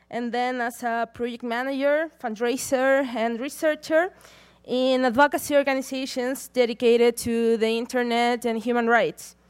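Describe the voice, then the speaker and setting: Speaking from a conference stage, a young Chilean woman with a clear, resonant voice pitched a bit higher than most delivers prepared remarks. Her pace is measured and deliberate as she works steadily through them.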